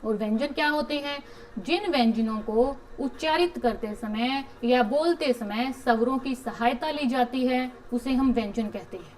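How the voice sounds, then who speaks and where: A woman's voice: high voice, a little slow, a little mellow, poor audio. A woman teacher giving an exam-prep lecture, explaining step by step, asking questions and answering them herself, with English terms mixed into her speech.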